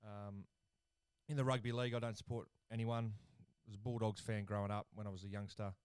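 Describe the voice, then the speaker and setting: Fairly low-pitched and brisk, this young Australian man's smooth voice comes through a dry recording. Hosting a laid-back cricket watchalong from his lounge room, he commentates live, swears freely, and gets worked up whenever a wicket falls.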